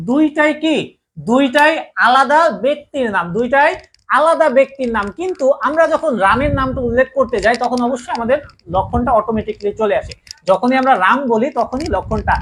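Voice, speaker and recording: A woman's voice: fairly high pitch, slightly rough. A woman teaching a casual grammar lesson, patiently repeating key points and asking the class rhetorical questions. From Bangladesh.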